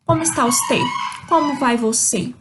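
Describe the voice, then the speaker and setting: High-voiced woman teaching Spanish. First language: Portuguese. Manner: slow, drawn-out demonstration of Spanish words. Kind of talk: online language lesson. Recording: faint background noise.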